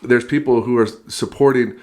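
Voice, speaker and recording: A man's voice: mid-range voice, steady tone, normal speed, a little mellow. A man in his thirties from California, a pastor talking casually and energetically on a podcast, laughing often. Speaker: guest pastor.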